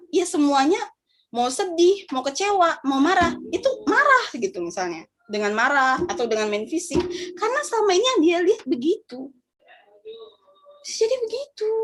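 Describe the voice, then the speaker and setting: High-voiced young woman giving a heartfelt talk. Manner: emotional, gets choked up and apologizes; chatty, addresses listeners directly.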